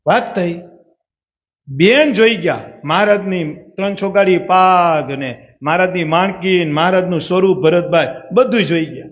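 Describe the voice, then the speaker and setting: High-voiced Saurashtrian Gujarati preacher. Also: male voice, measured pace. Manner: asks the audience rhetorical questions. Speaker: religious storyteller. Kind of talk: devotional story sermon. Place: religious assembly. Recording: muffled lo-fi recording.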